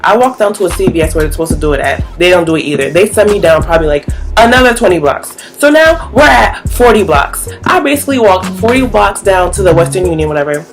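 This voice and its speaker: A young woman tells her story casually, rambling along with "like" in almost every line. Her voice sits a little low for a woman. Music plays clearly behind her. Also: fast, hardly any pauses. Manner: rambling, heavy use of "like", animated retelling. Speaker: vlogger.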